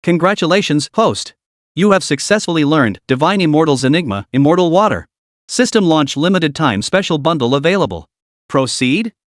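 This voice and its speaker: A man's voice: on the high side, normal speed, no echo, clean studio sound. A man voicing a game-like system interface that announces rewards and lists prices in a storybook recap. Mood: announcing. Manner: flat announcing, listing prices.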